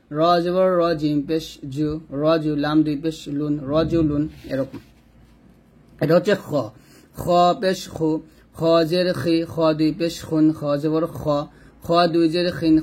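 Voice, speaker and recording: A man teaching Quran reading, chanting letters and vowel marks in a steady repetitive drill. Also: a little high. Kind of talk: step-by-step spelling drill lesson.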